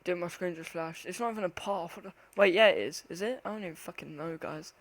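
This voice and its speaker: Talking fast at a medium pitch, this horror game streamer is on edge, jumpy and panicky as they chat and swear with a co-player. Their nervous muttering keeps breaking into shrieks during the online game.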